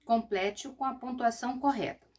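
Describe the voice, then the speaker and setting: A woman's voice: fairly high pitch, moderate pace, darkish tone. A middle-aged woman schoolteacher giving a recorded Portuguese lesson, explaining patiently step by step and often checking with short questions.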